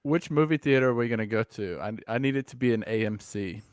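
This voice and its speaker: A man's voice: mid-range voice, fast. A man in his thirties in casual, profane chat, telling joking stories about going out with friends. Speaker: streamer.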